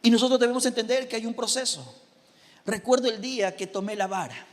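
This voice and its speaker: A pastor preaching a lively sermon, repeating phrases for emphasis and asking the congregation questions. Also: male voice, very high voice, brisk, in a large hall. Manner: animated preaching with repetitions and rhetorical questions.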